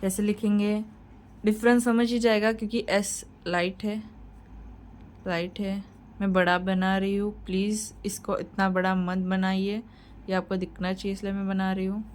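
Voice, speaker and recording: A woman talking through a lesson at a steady, middle pitch. She explains each step and repeats the key points to her learners. Faint noise sits under her voice. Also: normal speed, poor audio. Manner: instructive, repeats points, reassuring. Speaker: shorthand teacher. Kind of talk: tutorial lesson.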